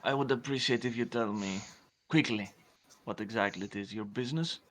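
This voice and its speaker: A man voicing a busy, curt, dismissive alien police inspector in a tabletop game, with a raspy edge and sarcastic politeness. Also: medium pitch, fairly quick, fairly bright tone, lightly acted. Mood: impatient, curt. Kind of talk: tabletop role-play character voice.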